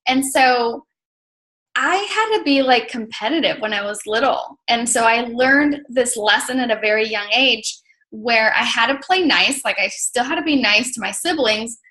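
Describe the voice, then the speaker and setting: Her fairly high voice sounds bright and forceful, with lively intonation at a normal speed. A coach-mentor from Mexico whose native language is Spanish, she talks chattily as an interview guest, constantly saying "like" and "you know."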